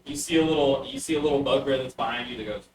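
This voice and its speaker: A man improvising narration as the game master of a tabletop game, with casual, halting descriptions. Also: mid-range voice. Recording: roomy, distant mic with faint noise.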